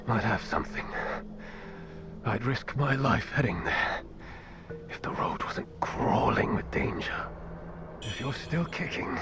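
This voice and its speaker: A man's voice: medium pitch, noisy background. A man voicing a weary, friendly plague-stricken villager in a video game, sick and rambling conversationally. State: sick, coughing. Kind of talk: video game character dialogue.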